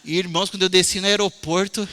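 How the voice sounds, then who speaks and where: Male pastor from Brazil, very high, piercing voice, lively sermon in a reverberant church hall. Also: quick pace. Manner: animated storytelling, addresses congregation as brothers. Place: church sanctuary.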